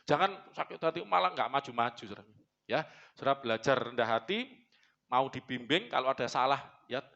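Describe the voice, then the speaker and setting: A man's voice: medium pitch, animated, fairly quick, vocal fry, pushed and bright, muffled recording. A man preaching a sermon to his church congregation, blunt and joking, slipping into phrases. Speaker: pastor.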